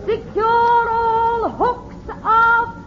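A woman's voice: very high-pitched, little pitch movement, drawn-out words, full character voice. A woman playing a bossy, fussy pirate ship's captain in an imperious radio comedy style. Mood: commanding. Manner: imperious, scolding. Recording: dull, very noisy old radio recording.

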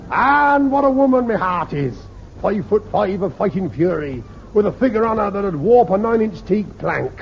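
High-pitched, blustering pirate first mate. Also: male voice, gravelly, full character voice. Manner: theatrical, salty sailor talk. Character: blustering old-time pirate first mate, male, spinning yarns. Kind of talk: radio comedy acting. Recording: dull, noisy old comedy recording with audience.

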